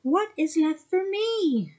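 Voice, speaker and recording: A woman voicing a timid young mermaid girl who speaks softly and tremblingly. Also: very high voice, expressive, slow, muffled recording, voice pushed up, heavily acted. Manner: soft and trembling.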